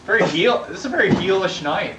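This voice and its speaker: A man doing rowdy, joking live commentary on an amateur wrestling match, often shouting. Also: sits high, lively intonation, fast. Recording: distant roomy noisy camcorder audio.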